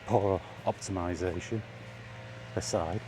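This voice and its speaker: Faint outdoor ambient noise accompanies a male vlogger as he walks under trees, chatting and rambling in a wry, grumbling way. His low voice keeps a steady tone and takes things slowly.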